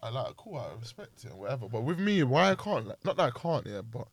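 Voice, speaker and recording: A man's voice: mid-range voice, sing-song, quick pace, no room sound. London roadman-style man debating football. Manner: London roadman slang-heavy talk.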